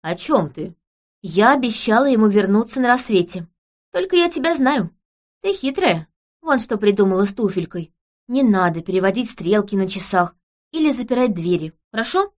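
A woman reading an audiobook, voicing a calm, earnest young woman who speaks in a serious, matter-of-fact way. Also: medium pitch, moderate pace, close to an everyday voice.

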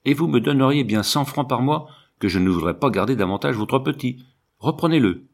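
A man's voice: mid-range voice, expressive, brisk, pitched above the performer's own voice. A man voicing a blunt, plain-spoken peasant wet nurse in a read-aloud novel. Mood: fed up.

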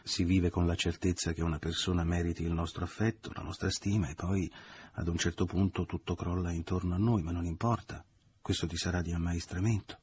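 A man's voice: sits low, steady tone, brisk, darkish tone, a little hiss or hum, natural voice. A man reading aloud and voicing a coy, falsely tender middle-aged woman in a lifted, sing-song tone. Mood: consoling.

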